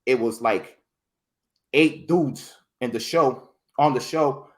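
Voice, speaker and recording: A man's voice: medium pitch, takes it slowly. A man as a guest in a casual interview, rambling through stories with lots of fillers and restarted words. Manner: animated storytelling, voices others in quotes. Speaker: podcast guest.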